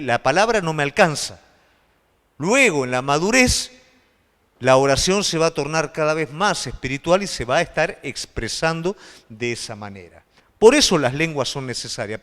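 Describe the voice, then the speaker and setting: A man with a Rioplatense Spanish accent, a pastor preaching a sermon with animated delivery and frequent rhetorical questions. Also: a little high, big-room sound.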